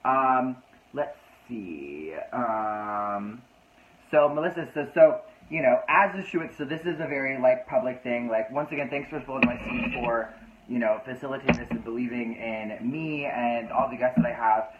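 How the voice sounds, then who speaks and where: A man's voice: mid-range voice, normal speed. Chatty man on a tinny echoey stream. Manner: chatty, flamboyant, reads out viewer comments. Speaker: host. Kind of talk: casual live-stream chat. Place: New York City.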